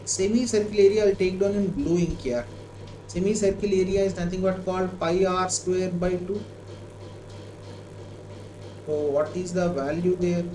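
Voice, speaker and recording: High-pitched Indian male maths teacher, echoey room. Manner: repeats himself and asks checking questions. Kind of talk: live online lesson, working a problem aloud. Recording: echoey room with clear background noise.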